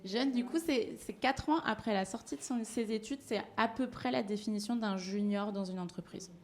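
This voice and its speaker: A young woman in her twenties speaks live to an audience from a panel, telling her path with frequent fillers and restarts. Her voice sits at a middle pitch, and her way of talking is hesitant. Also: normal speed, a little mellow. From France. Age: 20s.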